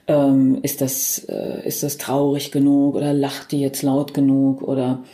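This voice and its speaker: A woman's voice: very deep voice, monotone, a little slow, warm tone, roomy sound. A woman in her forties, a crime novelist and dubbing director, talking casually in a podcast interview with many fillers and restarts.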